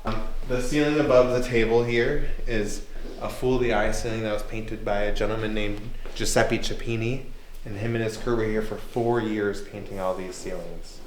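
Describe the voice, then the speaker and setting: A man giving an informal, explanatory tour indoors, choosing his words deliberately with pauses. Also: lowish voice, fairly even intonation. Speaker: castle tour guide. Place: large indoor castle rooms. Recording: echoey room with faint noise.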